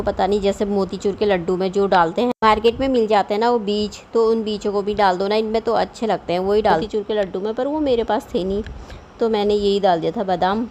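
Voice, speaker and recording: Chatty woman with a mellow voice. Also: mid-range voice, slight background noise. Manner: chatty, rambling, homely storytelling. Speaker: vlogger. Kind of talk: casual voice-over cooking vlog.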